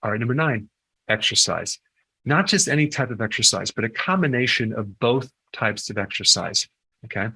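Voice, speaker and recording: An older man with a bright, forward voice gives a list of health tips in a loose, conversational way. He keeps checking in with the listener, asking "okay?" between points. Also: medium pitch, moderate pace, gravelly, breathy edge, low-quality recording. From United States. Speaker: health educator giving tips. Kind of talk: informal health advice talk.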